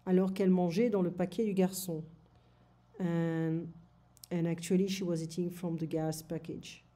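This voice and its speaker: A woman's voice: fairly low pitch, fairly even intonation, a little slow, dark tone. A woman French tutor going over a lesson summary for her student, explaining in French and then repeating it in English.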